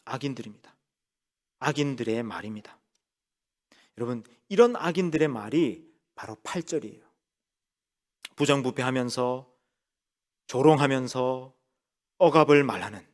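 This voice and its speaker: A male pastor preaching a sermon with emphasis, asking the congregation rhetorical questions and slowing down to lean into key phrases. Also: mid-range voice, lively intonation.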